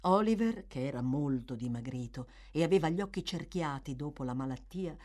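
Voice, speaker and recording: A woman narrating a classic novel as an audiobook, in an expressive, measured reading. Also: low-pitched. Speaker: audiobook reader.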